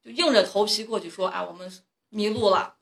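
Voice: medium pitch, brisk, vocal fry, crowd noise. A guest on a casual podcast, recounting a trip in a plain, matter-of-fact way. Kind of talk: casual storytelling chat.

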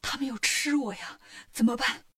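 A woman voicing a gentle, timid male monk in a storybook, speaking earnestly and a little fretfully. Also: a little high, moderate pace, slightly rough.

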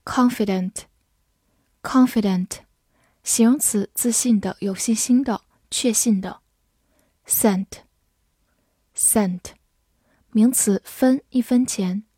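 A female English teacher reading vocabulary words slowly and deliberately, repeating each word before its part of speech and meaning. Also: medium pitch, warm tone, husky, no room sound, clean studio sound. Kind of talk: vocabulary drill.

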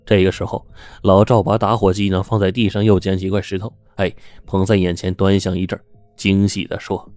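A man narrating a ghost story in a steady, suspenseful telling. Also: low voice, brisk, no room sound.

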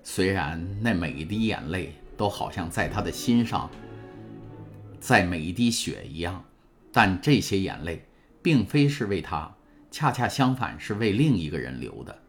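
A man narrating a novel in a calm, measured storytelling way. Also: sits low. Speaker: audiobook narrator. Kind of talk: scripted narration. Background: faint music.

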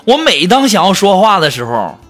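A man's voice: sits high, sing-song, normal speed, a bit bright, faint music behind. A man hosting a comedy show, telling self-mocking jokes in a chatty way and often laughing as he talks. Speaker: comedy radio host. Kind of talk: comic storytelling monologue.

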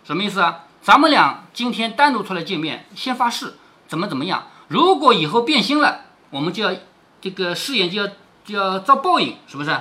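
A man's voice: sits high, sing-song, a little fast, pushed and bright. A man reading a classic novel aloud to his daughter, stopping often to explain it in chatty asides with rhetorical questions.

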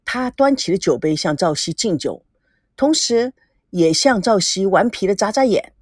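Expressive woman reading a novel. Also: mid-range voice, moderate pace, husky, no echo, clean studio sound. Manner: expressive, acts out dialogue. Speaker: narrator.

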